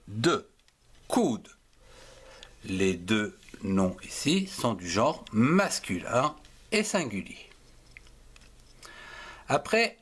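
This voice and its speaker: A man's voice: mid-range voice, a bit bright, husky. A man with a French accent teaching handwriting, spelling out words letter by letter and sounding out each syllable. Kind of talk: slow spelled-out handwriting lesson.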